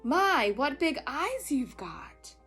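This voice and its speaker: A sweet, innocent little storybook girl, played by a woman, speaking high and bright. Her delivery is polite, lilting and wide-eyed. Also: big pitch swings, takes it slowly, soft background music, full character voice. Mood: wondering.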